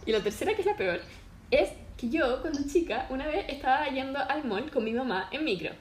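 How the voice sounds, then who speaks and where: A woman's voice: high-pitched, a little fast, roomy sound, slight background noise. A young woman with a Chilean accent telling funny stories in a casual chat, acting out voices as she goes. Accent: Chilean Spanish. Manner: animated, acts out voices while telling stories.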